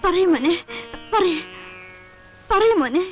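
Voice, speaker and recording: A gentle coaxing mother: high, pleading, sing-song, 1980s film drama. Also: expressive, slow pace, faint music behind, full character voice. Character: gentle mother coaxing her little son.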